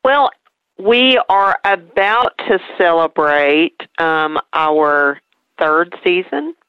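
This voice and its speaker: Slow-talking woman with an East Tennessee accent. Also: on the low side, expressive, smooth, no echo, highs cut off. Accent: East Tennessee Southern American. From East Tennessee, United States. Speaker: interview guest promoting a show. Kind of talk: conversational radio interview.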